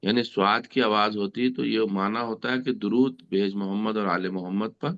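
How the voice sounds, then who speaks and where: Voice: medium pitch, steady tone, fairly bright tone. Polite student chiming in during quran class, kinda muffled lo-fi sound. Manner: polite, asks permission before speaking. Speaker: class participant. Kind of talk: adding a remark in class.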